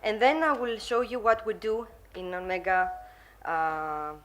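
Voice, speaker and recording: Halting woman presenting. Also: mid-range voice, fairly even intonation. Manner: halting, hesitant phrasing. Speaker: psychologist presenting at a talk. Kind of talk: conference presentation.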